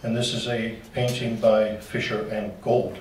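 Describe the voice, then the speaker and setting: A man's voice: on the low side, level tone, a little slow, darkish tone, a little hiss or hum. A man giving a slide-show history talk to a club, folksy and dropping joking asides. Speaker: local history presenter. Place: meeting room. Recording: roomy hall from far off.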